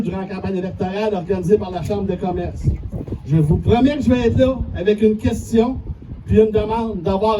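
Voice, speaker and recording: Québécois guy rallying a crowd, high voice but real dark and mellow, mic kinda far. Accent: Quebec French. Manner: folksy, emphatic, making promises. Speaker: speaker addressing a public gathering. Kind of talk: rousing public speech. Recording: distant mic with faint background noise.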